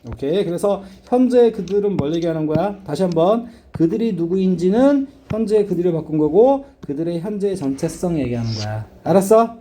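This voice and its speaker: This middle-aged man's voice sits high, with an animated delivery and a dark tone. He gives a classroom lecture on English reading in a blunt, casual way, forever checking comprehension with rapid questions.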